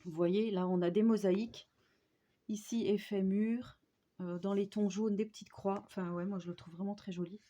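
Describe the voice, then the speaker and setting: A woman's voice: mid-range voice, steady tone, a little fast, few pauses, dark tone, muffled recording. A woman with a Franche-Comté accent, chatting casually in a haul vlog as a crafting YouTuber and peppering her talk with little tag words. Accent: Franche-Comté French. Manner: chatty, with frequent "euh" and "hein" tags.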